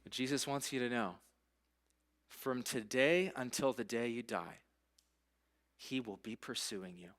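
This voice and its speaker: A man giving a casual, conversational sermon as a pastor in a church, his delivery swinging from hushed to urgent. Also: medium pitch, a little slow, long pauses.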